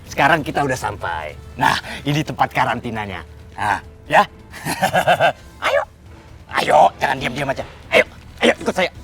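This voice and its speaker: An actor playing a slick male trafficker who poses as a job agent, bossy and hurried, always urging people on. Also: mid-range voice, sing-song, a bit bright, in a large hall, soft background music. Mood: impatient. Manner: bossy, hurried, sneering, keeps urging "ayo".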